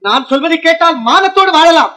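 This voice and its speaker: An actor playing a defiant young nephew in a 1950s film, arguing and declaiming formal lines. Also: male voice, extremely high pitch, lively intonation, a little fast, pushed and bright, heavily acted. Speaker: nephew in the household.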